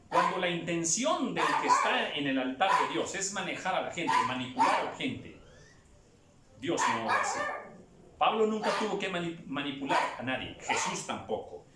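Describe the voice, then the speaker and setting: A man preaching a sermon, moving between hushed and loud passages and acting out other voices. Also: a little high, sing-song, moderate pace, echoey room, very noisy. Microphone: camera at a distance.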